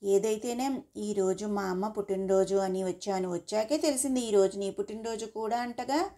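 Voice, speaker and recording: Woman reading as a cheeky, teasing young man, mock-polite, mellow tone, storybook. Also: medium pitch, normal speed, close to an everyday voice.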